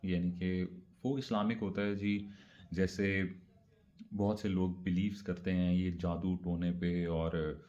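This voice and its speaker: A man's voice: low-pitched, little pitch movement, warm tone, lo-fi sound. A man giving a casual religious talk. He repeats his points and mixes English words into his speech. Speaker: speaker explaining religious practice.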